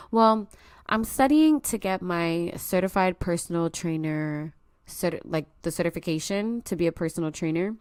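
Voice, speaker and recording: At home, a young woman hosts her personal solo podcast, speaking earnestly, openly, and straight to her listeners in a confiding way, sounding a little stuffy from allergies. Her voice is fairly low and smooth, and the recording is dry.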